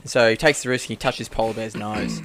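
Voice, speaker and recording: A man's voice: on the low side, a little fast, slight background noise. A young man who works for a church, chatting casually and telling a long rambling joke, full of fillers and restarts. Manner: relaxed, lots of fillers and restarts. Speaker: church staff member and podcast co-host.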